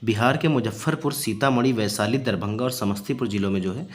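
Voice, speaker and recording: A man's voice: on the low side, brisk. A man, a coaching teacher working through past exam questions, explaining each answer with fillers and repeated phrases. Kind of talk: exam-prep lecture solving past questions.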